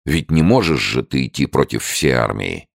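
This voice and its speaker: A man's voice: rumbling low, expressive, moderate pace, gravelly, no echo, studio quality, heavily acted. A man voicing a blunt young soldier who talks with dismissive scorn. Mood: scornful. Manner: muttering, dismissive.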